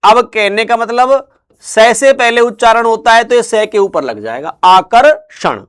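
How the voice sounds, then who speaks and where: A man teaching Hindi grammar in a classroom lecture. He asks questions and answers them himself in a lower, quieter voice, and drawls words out slowly to stress them. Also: lively intonation, smooth. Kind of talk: classroom lecture with call-and-response.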